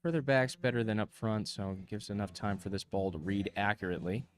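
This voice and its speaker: Low-pitched male golf commentator. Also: clean tone. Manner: measured golf-commentator delivery with broadcast jargon.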